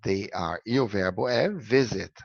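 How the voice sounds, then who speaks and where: Slow, gravelly Brazilian teacher. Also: male voice, fairly low pitch, no echo, dull audio. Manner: patient, step-by-step explaining, frequent "ok?" checks. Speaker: English teacher. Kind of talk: recorded classroom lesson.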